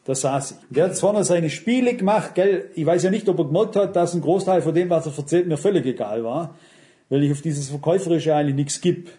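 A man's voice: fairly high pitch, a little fast. A man preaching a sermon, telling personal stories and speaking straight to his listeners. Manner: animated storytelling, addressing listeners directly.

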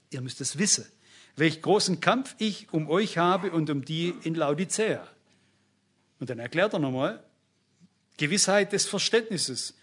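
A man's voice: on the high side, a bit bright, husky. An older man preaching a sermon, emphatic and speaking directly to his congregation.

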